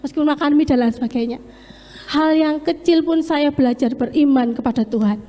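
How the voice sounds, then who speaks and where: A woman's voice: sits high, fairly quick, dark tone. A woman giving an earnest, emphatic testimony in a church sermon. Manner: earnest, emphatic, slips into Javanese words. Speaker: lay preacher. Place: church hall. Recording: echoey church hall with long reverb.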